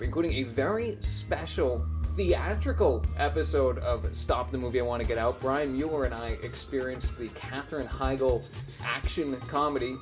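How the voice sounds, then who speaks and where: Male podcast host, casual review chat, stammers and restarts, faint music under him. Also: mid-range voice.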